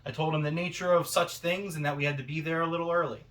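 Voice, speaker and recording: A man delivering a self-important, accusatory wrestling promo monologue, with deliberate pauses and rhetorical questions. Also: on the high side, fairly even intonation, fairly bright tone.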